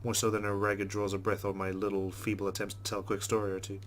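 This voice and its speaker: There is faint background noise as this let's play host, his voice on the low side, briskly voices a visual novel. He reads expressively and slips into casual comments while playing.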